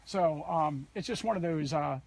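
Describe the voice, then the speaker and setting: Relaxed man hesitating with fillers. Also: on the high side, normal speed, gravelly. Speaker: co-guide. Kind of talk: casual chat on a walking tour. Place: outdoors on a battlefield.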